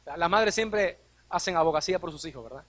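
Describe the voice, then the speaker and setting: A man's voice: fairly high pitch, a little fast, fairly bright tone, dry recording. A man preaching a sermon as a pastor, posing rhetorical questions and acting out quoted dialogue.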